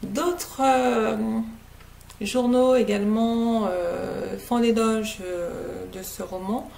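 This French Guianese woman reviews a novel informally to camera from her living room, seated close to her laptop webcam, hesitant and heavy on fillers. Her medium-pitched, mellow voice has vocal fry, fairly even intonation and drawn-out words, with slight background noise.

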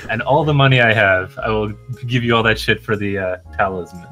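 A male tabletop player with a forceful, bright voice at a middle pitch. He banters bluntly and swears, over faint music. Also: fairly quick, rough recording. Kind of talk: casual in-game banter.

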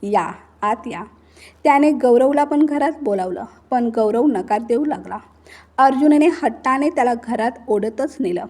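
Female storyteller, dramatic scripted narration, warm dark tone. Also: sits high, lively intonation, moderate pace.

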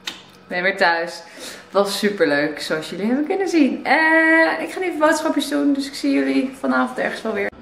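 Young dutch woman doing a casual vlog, kinda high voice, holding the camera, noisy background. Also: animated, moderate pace. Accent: Netherlands Dutch. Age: young adult. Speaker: vlogger. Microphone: handheld camera at arm's length. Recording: clear background noise, handheld camera.

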